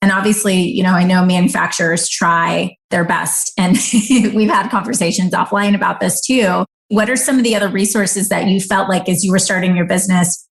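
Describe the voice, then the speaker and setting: A woman's voice: fairly low pitch, fairly even intonation, brisk, creaky. A woman hosting a podcast, asking her guest thoughtful, conversational questions. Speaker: podcast host. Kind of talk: interviewer conversation.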